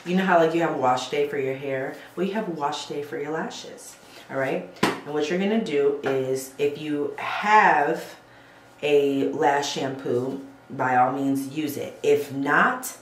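Standing at a bathroom sink, this beauty vlogger walks viewers through a casual tutorial, often asking "okay?" as she chats. She speaks a little slowly in a low register, with slight background noise, roomy echo and faint ambience.

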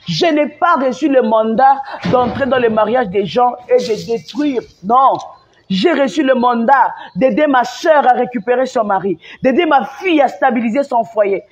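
Une femme avec un accent congolais qui s'emporte en direct sur son live, répète ses phrases avec insistance et passe du français au lingala. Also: female voice, on the high side, slightly rough. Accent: Congolese French. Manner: emphatic and repetitive, mixing French with Lingala. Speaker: live-stream host. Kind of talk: impassioned live-stream rant. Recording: dull lo-fi sound.

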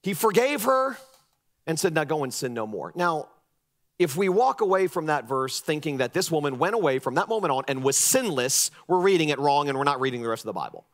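A middle-aged male pastor preaching a sermon in an emphatic, animated way, at times mocking the voices of his critics. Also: fairly high pitch, a little fast.

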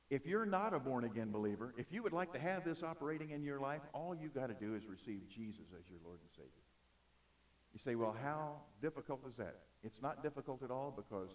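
A man preaching a sermon in an auditorium, emphatic, swinging between loud and soft. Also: medium pitch, far from the mic. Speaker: pastor.

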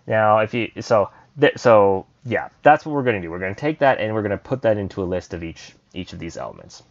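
Casual low-voiced man teaching code. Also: lively intonation, brisk, no echo, muffled recording. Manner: casual, thinks aloud while typing code. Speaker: programming tutor. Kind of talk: screen-recorded coding tutorial.

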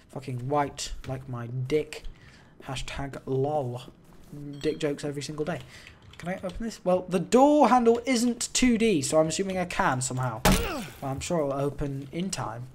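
Young guy swearing and joking through a horror game, right up on the mic, faint hiss. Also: fairly high pitch. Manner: excitable, profane, joking, talks to himself. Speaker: gaming commentator. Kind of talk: let's play commentary. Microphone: close desk mic.

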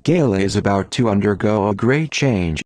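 A patient Jedi master, read by a man, speaks in a quiet, firm, measured way. The voice sits low and close. It is a dry audiobook recording. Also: lively intonation, no echo, natural voice. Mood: calm. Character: calm patient older male Jedi master.

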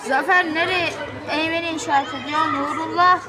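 A woman calls a football match live in an extremely high voice. The recording is outdoors, very noisy, with a loud crowd behind her. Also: fairly even intonation, normal speed.

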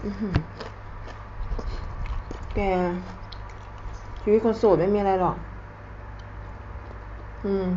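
Casual female eating vlogger, mouth full, mid-pitched, informal; dull lo-fi recording with faint noise. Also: fairly even intonation, drawn-out words, pauses often. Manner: informal, intimate, as if to a close friend. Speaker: vlogger eating a meal on camera. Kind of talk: casual chat while eating.

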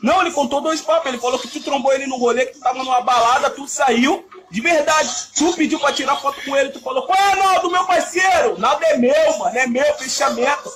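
High-voiced Brazilian man on a noisy phone video. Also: fast, hardly any pauses, a bit bright. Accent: Brazilian Portuguese. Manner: slangy, laughing, mocking. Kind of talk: casual video call.

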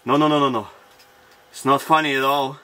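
A man in his thirties talking to camera from an ice-fishing tent, in broken non-native English and breaking into excited exclamations. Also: medium pitch, a little fast. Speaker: fishing vlogger. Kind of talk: casual vlog narration to camera. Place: inside an ice-fishing tent on a frozen lake. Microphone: action camera mounted in the tent.

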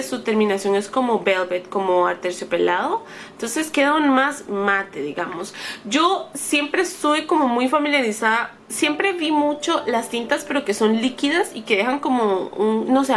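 Lady in her 30s doing a makeup try-on vlog, kinda high voice, talks right to the viewers and fixes her words as she goes, faint hum behind. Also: a bit bright. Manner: chatty, self-correcting, talks straight to viewers. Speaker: beauty vlogger. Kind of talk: casual makeup try-on chat to camera.

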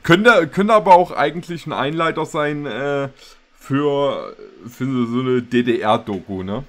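East German guy reacting to a clip, giggly, chatty, mid pitch. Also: slow pace, background noise. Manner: laughs often, repeats words, chatty. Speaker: YouTuber reacting to a video. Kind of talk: casual reaction commentary.

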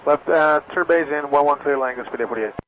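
A male pilot talks quickly into a cockpit headset in clipped aviation phraseology. His medium-pitched voice comes over aircraft radio, dulled and with some noise underneath. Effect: aircraft radio transmission. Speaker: pilot on air traffic radio. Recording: muffled, noisy cockpit radio transmission.

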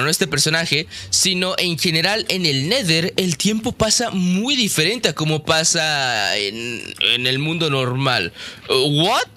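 Young guy doing excitable gameplay commentary, high bright voice, talks to his viewers like friends. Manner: excitable, with frequent surprised exclamations; addresses viewers directly as friends. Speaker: gaming video creator.

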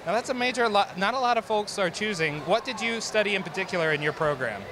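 A man's voice: high-pitched, lively intonation, quick pace, background noise. A man interviewing graduates live with an enthusiastic, chatty manner, on a handheld mic in a crowded indoor gym. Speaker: social media manager interviewing graduates.

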